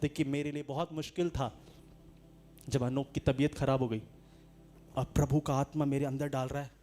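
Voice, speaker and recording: A pastor with a Hindi accent preaches a lively sermon, moving between shouts, laughter and quiet storytelling. His mid-range voice keeps a moderate pace.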